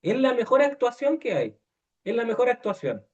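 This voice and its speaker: A man's voice: very high voice, sing-song, moderate pace, muffled recording. A man preaching a conversational sermon, full of hesitations and restarts, often asking his listeners questions. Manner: many fillers and restarts, asks listeners questions, acts out quoted voices.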